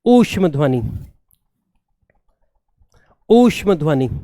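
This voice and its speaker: A man teaching a classroom grammar lesson, repeating each term slowly and checking that students have understood. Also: fairly high pitch, big pitch swings, dark tone. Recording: long hall reverb.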